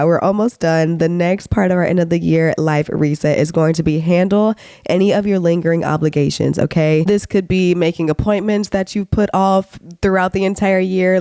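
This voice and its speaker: A woman hosting her own podcast, sick and a bit hoarse, chatting in a casual, encouraging way with lots of "like" and "okay?". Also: on the low side, warm tone, no echo, studio quality. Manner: chatty, many "like"s and "okay?" check-ins to listeners; faith-minded encouraging talk. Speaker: podcast host. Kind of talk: casual solo podcast chat. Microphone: podcast microphone.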